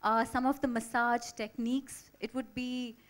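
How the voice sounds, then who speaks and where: A woman's voice: a little high, flat delivery, moderate pace, faint music behind. A woman hosting a stage event, bubbly and effusive as she welcomes guests, on a handheld mic. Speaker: event host.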